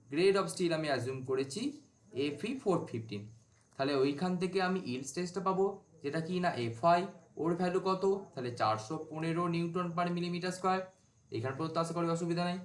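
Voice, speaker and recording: A male teacher gives a whiteboard lecture to students. His voice sits a little high, and he keeps asking questions and answering them himself. The room adds a noticeable echo. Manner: informal, asks and answers his own questions. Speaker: civil engineering teacher.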